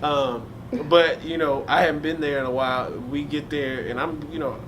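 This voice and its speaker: A young hip hop artist tells stories about his life in an interview, relaxed, slangy and laid-back. His voice is on the high side with fairly even intonation at normal speed, and noisy ambience surrounds the recording.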